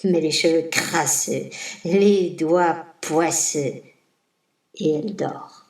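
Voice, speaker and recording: Slow, rhythmic woman storyteller. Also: low-pitched, darkish tone. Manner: slow, rhythmic, savoring listed words. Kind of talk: folk tale telling. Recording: roomy, distant mic.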